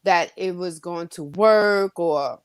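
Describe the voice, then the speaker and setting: A woman's voice: on the low side, slow pace. A woman podcast host asking probing, supportive follow-up questions and sharing her own experience.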